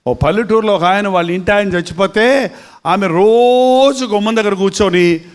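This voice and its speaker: A man's voice: high-pitched, normal speed. A male pastor preaching a sermon in a dramatic, emphatic way, full of rhetorical questions.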